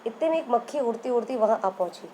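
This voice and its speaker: Woman teacher narrating a children's story, fairly high and mellow, checks the class with questions. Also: animated, fast talker, slight background noise, poor audio. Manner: repeats and quizzes the listeners.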